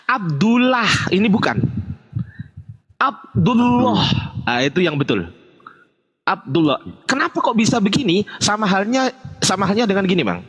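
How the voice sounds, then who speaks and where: A man's voice: sits high, sing-song, brisk, a bit bright, slightly rough, long reverb tail. A man hosting a casual debate, explaining Arabic grammar in a self-deprecating way, with lots of fillers. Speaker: Islamic preacher and debate host.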